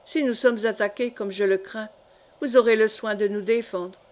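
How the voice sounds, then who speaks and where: A woman's voice: mid-range voice, fairly even intonation, normal speed, darkish tone, close to an everyday voice. A woman reading the lines of a sly young male adventurer who keeps a solemn, mock-serious tone.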